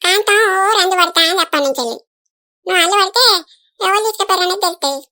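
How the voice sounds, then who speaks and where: A woman's voice: very high-pitched, racing, sharp tone, no room sound, studio quality, heavily acted. A woman voicing a bossy, boastful village diviner in a cartoon, speaking with a Telangana Telugu accent.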